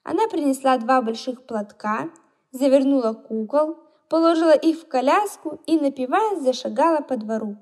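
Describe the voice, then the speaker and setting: High voiced woman reading a kids story, expressive storyteller. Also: moderate pace. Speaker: narrator.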